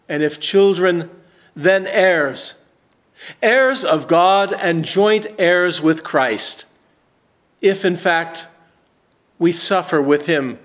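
Speaking in a church sanctuary, a man in his sixties who serves as pastor reads from the Bible and prays, each word slow, measured and stressed. His voice is pitched high.

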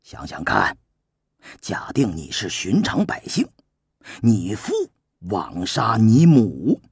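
Storybook strategist, male, shrewd and calm, low soft coaxing voice, dry close sound, put on by a man reading. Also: slightly rough, no room sound, heavily acted.

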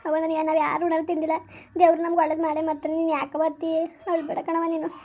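A loyal young wife, voiced by a woman, soothing and pleading. She speaks in a very high, flat voice at a fast clip. The recording sounds dull and lo-fi. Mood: consoling.

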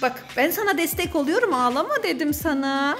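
A woman's voice: sits high, expressive, a little fast, big-room sound, music in the background. A woman hosting a family vlog skit, teasing and coaxing a child in a bossy, playful way. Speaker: vlog host playing a mother.

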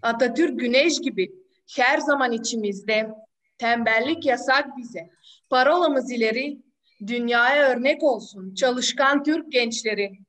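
A woman's voice: a little high, unhurried, a bit bright, low-quality recording. A teenage girl giving a formal greeting and poem recital over a video call. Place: small room, indoors.

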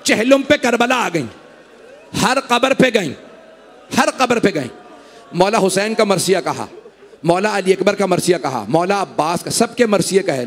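Very high-pitched impassioned male preacher. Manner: impassioned, pleading with the audience. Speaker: maulana reciting a majlis. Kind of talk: emotional Muharram majlis sermon. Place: imambargah gathering.

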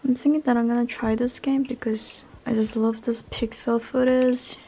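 A woman's voice: fairly high pitch, level tone, normal speed, background noise. A young woman doing a casual vlog voice-over, chatting about her new things. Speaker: vlogger.

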